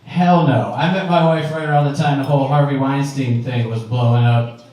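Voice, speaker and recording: A man's voice: mid-range voice, steady tone, a little fast, darkish tone. A man in his forties performing a stand-up set in a wry, conversational, punchy way. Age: 40s. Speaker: stand-up comedian. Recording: very echoey room, distant mic, faint ambience.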